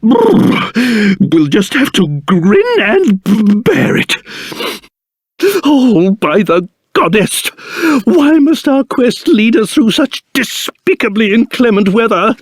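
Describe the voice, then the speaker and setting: A fussy, fatherly old British king from a video game, with a high voice that swoops dramatically. He speaks in pompous, formal phrases at an unhurried pace, full of self-importance. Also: wildly swooping pitch, dry recording, heavily acted. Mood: miserable, fretting. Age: older. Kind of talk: video game character voice acting.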